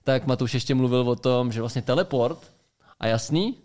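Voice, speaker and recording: A young man co-hosting a casual tech podcast, relaxed and chatty, trailing off into fillers and restarts. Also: medium pitch. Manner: relaxed, many fillers and restarts, quick reactions. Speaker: podcast co-host.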